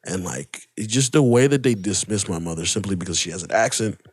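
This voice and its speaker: A man's voice: sits low, a little fast, husky, no room sound, studio quality. A man from East Africa, a stand-up comedian guesting on a podcast, telling stories with lots of laughter and swearing. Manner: animated, laughing, swearing storyteller. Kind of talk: casual podcast chat.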